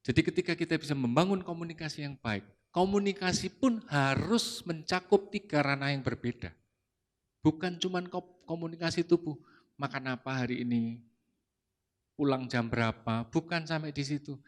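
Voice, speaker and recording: A man gives a sermon on marriage, fairly high in pitch for a man. He tells a personal story in a lively, conversational way and gets loud when he quotes his own retorts. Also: moderate pace. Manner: lively anecdotal preaching, rising to loud retorts when quoting himself. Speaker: speaker at a church service on marriage.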